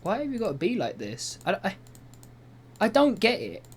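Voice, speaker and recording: A young man reads reddit posts and reacts to them, swearing freely and drifting into rambling asides. His pitch swings widely, climbing and dropping as he goes. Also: huge pitch swings, moderate pace, breathy edge. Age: young adult. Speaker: YouTuber. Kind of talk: reading reddit posts with commentary. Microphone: voice-over over gameplay footage.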